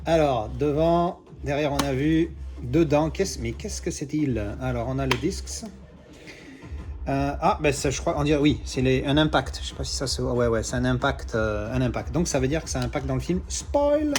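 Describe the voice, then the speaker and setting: A man's voice: mid-range voice, normal speed. A man talks through an unboxing in a loose, chatty way. He hesitates often, restarts his sentences and swears casually as he goes. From Marseille, France. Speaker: collector doing unboxings.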